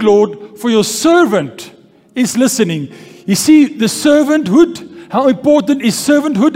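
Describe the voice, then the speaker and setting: A male pastor with a very high-pitched voice and a darkish tone preaches and reads scripture in a church hall. He repeats key phrases and calls "Amen?" to the congregation, while long reverb and faint music linger in the recording.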